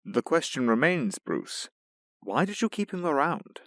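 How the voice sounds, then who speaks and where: Man acting as Alfred, a droll, animated butler. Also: on the high side, measured pace, no echo. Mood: bemused, droll. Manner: formal, dry, droll. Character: droll, formal male butler, wryly bemused by his employer. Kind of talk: audio drama acting. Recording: clear hum and clicks behind voice.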